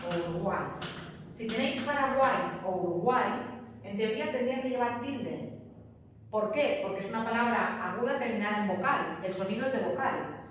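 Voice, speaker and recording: A woman's voice: medium pitch, a little hiss or hum. A woman from Spain teaching a grammar lesson, patient and emphatic, often checking in with her students. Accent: Spain Spanish. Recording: echoey hall, voice from far off.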